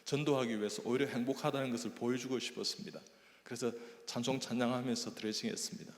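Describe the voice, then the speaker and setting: An older man, a church elder, speaks fast in a mid-range voice, telling his personal testimony as a sermon. He acts out the dialogue in his stories and breaks into hymn singing. It was recorded in a church sanctuary with an echoey hall sound.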